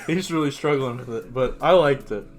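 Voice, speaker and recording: A man's voice: mid-range voice, normal speed, soft background music. A tipsy man co-hosting a casual beer review, joking and rambling as he gives scores. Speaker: co-host rating beers. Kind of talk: casual drunken banter.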